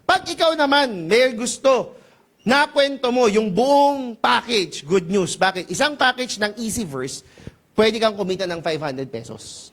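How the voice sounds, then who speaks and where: Lively, high-pitched male seminar presenter. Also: unhurried. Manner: playful and teasing, calls out to the audience for answers.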